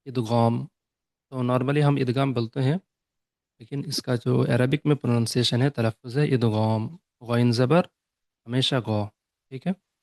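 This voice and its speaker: A male teacher explaining recitation rules in a patient classroom manner. He stops often to check that the class has understood and slows down for each definition. His voice sits at a middle pitch and is recorded close, with a dry, dead sound. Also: steady tone, a little mellow, no echo. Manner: mixes English terms into Urdu, checks understanding with repeated "okay?" and "clear?"; reads English definitions slowly and deliberately. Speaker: Tajweed teacher.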